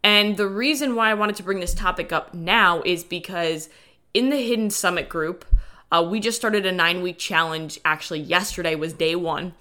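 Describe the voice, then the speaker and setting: A woman's voice: on the low side, normal speed, bright, forceful tone. A woman hosting a podcast as a coach, talking casually and motivationally to listeners in informal, lightly sweary language. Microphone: dedicated podcast microphone.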